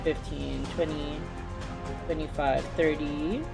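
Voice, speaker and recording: A woman's voice: deep voice, steady tone, takes it slowly, creaky, over loud music, low-quality recording. A woman casually running a tabletop game as game master, explaining things in an accommodating way.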